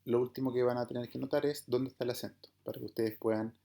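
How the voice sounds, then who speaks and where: A man teaching an online class in a dark, mellow voice at a middling pitch. His comes through as he explains each point step by step. He keeps checking that his listeners follow him. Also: fairly even intonation, quick pace, creaky. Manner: patient, explanatory, checks understanding with "¿verdad?" and "¿bien?". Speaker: Greek teacher.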